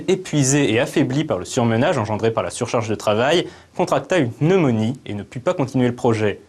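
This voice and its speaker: A man presenting a scripted, storytelling narration of a history segment, delivered briskly. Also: medium pitch, a little mellow.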